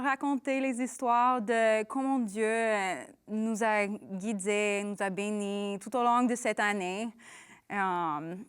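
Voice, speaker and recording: A woman from Canada hosting a Christmas talk show, speaking slowly with many hesitant fillers. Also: on the high side, clear, resonant tone. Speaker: host.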